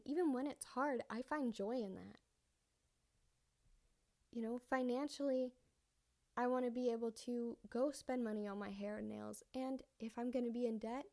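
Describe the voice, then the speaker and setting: This young podcast host talks solo in a loose, conversational style, wandering off track, fixing her own words, and running slightly short of breath. Her voice is on the high side and a little mellow.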